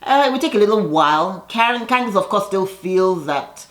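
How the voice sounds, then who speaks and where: A woman's voice: medium pitch, animated, moderate pace, fairly bright tone. A woman hosting a reality TV recap in a casual, chatty way, with a sassy, gossipy manner and slangy asides. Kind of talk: casual chatty commentary, acting out quotes.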